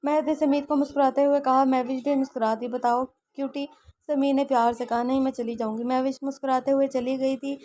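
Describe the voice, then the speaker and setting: A woman's voice: high-pitched, little pitch movement, fast talker, hardly any pauses, warm tone. A woman reading a romance novel aloud as an audio story, giving all the characters her own voice, with frequent slips and self-corrections.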